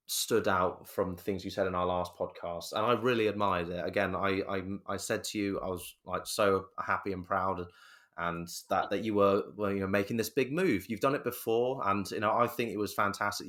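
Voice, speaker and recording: A man with a fairly low voice hosts a podcast in a casual interview. He talks warmly and rambles, often restarting his sentences as he gathers his thoughts. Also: moderate pace. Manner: warm, rambling, with many restarts. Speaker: podcast host.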